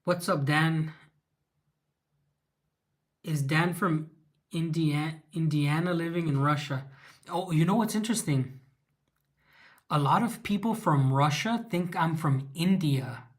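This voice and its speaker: Slow and given to long pauses, this fairly high-pitched man hosts a casual livestream, greeting viewers by name, rambling and restarting words. He's from Southern California and has a Mexican American East Los Angeles accent.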